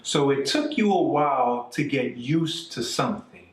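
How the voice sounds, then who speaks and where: A man's voice: medium pitch, animated, unhurried. A man from Canada, middle-aged, teaching an English grammar lesson, patiently repeating points and checking in with "okay?" and "right?". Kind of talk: classroom-style grammar lesson. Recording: echoey room, mic at a distance, faint music.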